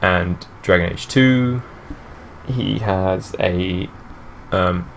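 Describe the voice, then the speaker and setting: A deep-voiced man talks casually over his gameplay, rambling with a fan's enthusiasm. Faint game ambience hums underneath. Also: drawn-out words, gravelly, fairly bright tone, a little hiss or hum. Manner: rambling, enthusiastic fan talk. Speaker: gaming channel host. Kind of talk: let's play commentary.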